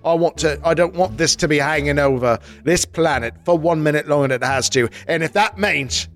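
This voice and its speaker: A man playing a brash, eager talking mongoose with an English accent, pompous and excitable in an improvised comedy sketch. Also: fairly high pitch, a little fast. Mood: zealous.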